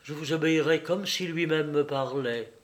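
A man's voice: fairly high pitch, moderate pace, lightly acted. A man reading aloud and voicing a devoted young woman who speaks earnestly and from the heart.

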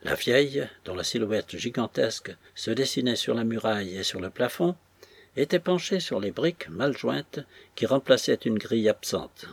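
Husky male audiobook narrator. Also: mid-range voice, no room sound. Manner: measured, dramatic reading. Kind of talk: scripted storybook narration.

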